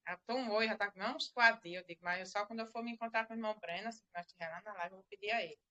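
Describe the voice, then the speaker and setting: Speaking very fast in a pushed, bright, medium-pitched voice, a middle-aged churchgoer recounts her religious testimony during a live stream. The sound is lo-fi, and her telling rambles with plenty of repetition.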